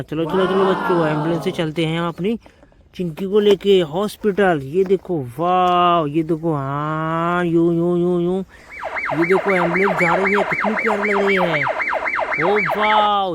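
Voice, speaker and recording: High-voiced excited man narrating toy play. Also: measured pace, very noisy. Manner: excited, keeps calling out to children, makes vehicle sounds. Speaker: toy video narrator for children.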